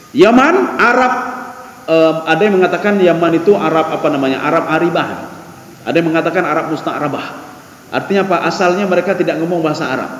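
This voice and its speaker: A man giving a lecture in a mosque, teaching the congregation and asking them rhetorical questions. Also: high voice. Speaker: religious teacher. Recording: echoey mosque hall, faint background ambience.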